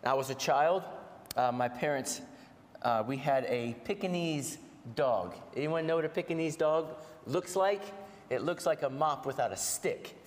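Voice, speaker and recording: Gravelly, congested man preaching in echoey hall. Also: on the high side. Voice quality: gravelly from a head cold. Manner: measured, deliberate delivery with rhetorical repetition. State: congested with a head cold. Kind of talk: sermon to a congregation. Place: large reverberant room, speaking to a congregation. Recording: echoey hall with long reverb.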